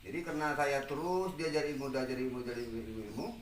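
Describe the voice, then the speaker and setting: A man's voice: mid-range voice, fast talker. A man in his forties telling an interviewer about his own experiences in an earnest storytelling manner. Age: 40s. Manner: earnest storytelling, acts out quoted dialogue. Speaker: interview guest. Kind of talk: recounting personal experiences. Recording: echoey, far from mic, noisy.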